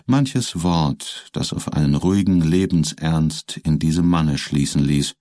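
A man narrating a classic story in a measured, literary way. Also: deep voice, a little mellow, no echo, studio quality. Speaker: audiobook narrator.

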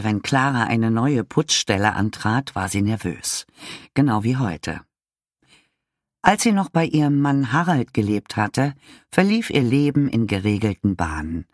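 A man reads a novel aloud as narrator, taking his time over each phrase. His pitch rises and falls freely as he tells the story. The recording is dry and close, with no room sound. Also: no echo. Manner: measured, expressive storytelling. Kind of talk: scripted audiobook narration.

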